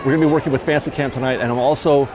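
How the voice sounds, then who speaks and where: This man's medium-pitched voice comes rapid-fire with fairly even intonation as he walks a theme park at dusk, vlogging in a sentimental, rambling, reflective manner. Recorded on a lapel mic outdoors, crowd chatter and other background noise fill in behind him.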